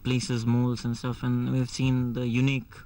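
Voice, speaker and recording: Flat-toned mellow man. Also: mid-range voice, moderate pace. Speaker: programme participant. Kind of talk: casual interview answers. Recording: distant mic.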